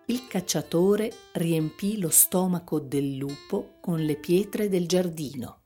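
A woman reading a fairy tale aloud as narrator, in a calm, measured storytelling manner. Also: on the low side, faint music behind.

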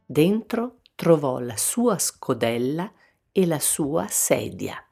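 Slow, expressive woman storyteller. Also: sits low, creaky, slightly rough, soft background music. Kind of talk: children's storybook narration.

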